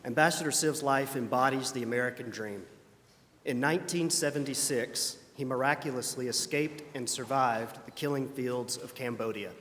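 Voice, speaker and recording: A man's voice: medium pitch, normal speed, a bit bright, a little hiss or hum. A man giving an earnest, formal introduction of a guest speaker at a church service. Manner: earnest, with hesitant "uh" fillers at the start. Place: church sanctuary. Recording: long church hall reverb.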